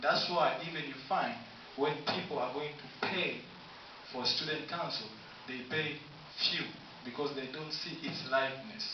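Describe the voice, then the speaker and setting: Tanzanian man giving a campaign speech, echoey. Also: mid-range voice. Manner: formal, listing points, slow halting delivery. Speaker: student council candidate. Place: university room. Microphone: camera from afar, no mic. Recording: distant echoey room, dull hissy sound.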